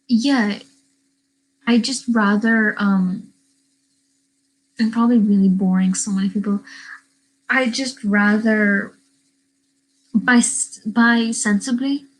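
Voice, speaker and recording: On her livestream, a teenage YouTuber from Northern Ireland chats and rambles while responding to live chat. She speaks slowly with frequent pauses, medium pitch and fairly even intonation, and the webcam recording is rough.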